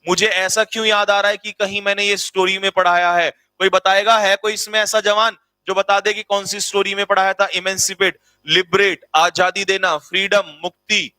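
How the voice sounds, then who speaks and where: A male teacher giving a lively online vocabulary lesson, spelling out words letter by letter and repeating key answers to his students. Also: high voice, normal speed, few pauses, dry recording.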